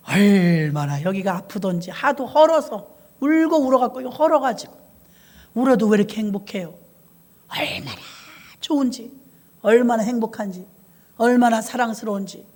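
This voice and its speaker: A woman pastor preaching in a church, telling her story in lively bursts and hushed asides. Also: fairly high pitch. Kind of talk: sermon.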